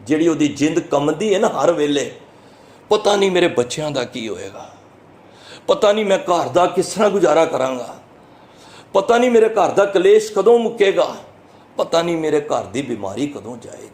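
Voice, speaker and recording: Punjabi guy preaching, kinda high voice, earnest, explains each verse slow. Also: sing-song, a little mellow. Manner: earnest, explanatory, chants verses slowly then explains them. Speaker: Sikh preacher giving scripture commentary. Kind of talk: sermon, explaining scripture verse by verse.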